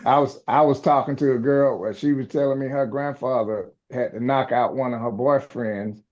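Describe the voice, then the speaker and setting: A man holds forth on boxing in casual sports chat, blunt and quick to dismiss, with easy laughter. His voice sits at an ordinary pitch. The recording sounds dull and lo-fi. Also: darkish tone. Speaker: co-host.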